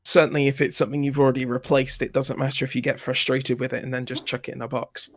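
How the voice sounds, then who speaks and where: A man's voice: mid-range voice, little pitch movement, fast. A man co-hosting a casual tech chat, chiming in with dry, teasing quips. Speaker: podcast co-host.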